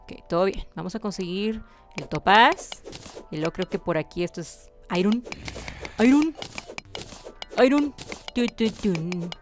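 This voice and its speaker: A woman's voice: lowish voice, normal speed, faint music behind. A woman hosting a casual game playthrough, humming little sound effects and chatting to the creatures on screen. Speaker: gameplay host. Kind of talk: casual let's-play commentary.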